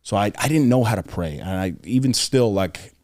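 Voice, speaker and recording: A young adult man, a podcast guest, telling a personal story in an earnest, reflective way and often dropping to a soft, quiet voice. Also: on the low side, animated, moderate pace, no room sound, studio quality. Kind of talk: casual conversational storytelling.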